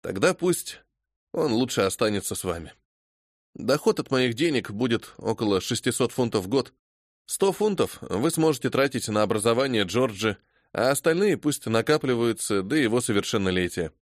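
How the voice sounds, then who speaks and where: A man voicing a grief-stricken young widower who bursts out in loud, anguished lines. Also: mid-range voice, expressive, moderate pace, dry recording, studio quality, lightly acted. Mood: earnest.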